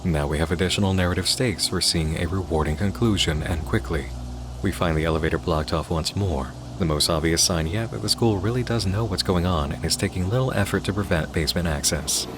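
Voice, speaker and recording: A man's voice: deep voice, a little fast. A man reading scripted, analytical video essay narration. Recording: clear background noise under voice.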